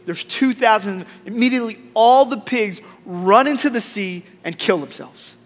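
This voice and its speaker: A man's voice: high voice, normal speed. A man preaching a sermon as a pastor, telling the story in a conversational way with humor and repeated phrases. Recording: long hall reverb.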